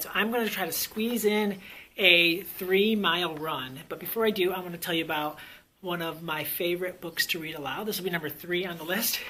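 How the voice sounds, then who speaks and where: With a high, pushed, bright voice, this American teacher gushes about books in a casual vlog, emphatic and repeating points to drive them home. He's an elementary school teacher who reviews books, and faint ambient background noise is audible.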